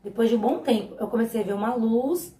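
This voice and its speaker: A woman's voice: a little high, quick pace, mellow. A young woman with a Brazilian Portuguese accent telling her own faith testimony, speaking earnestly and often turning to her viewers. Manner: earnest, often turns to the audience. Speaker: mother giving a faith testimony. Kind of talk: personal storytelling to viewers. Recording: echoey room.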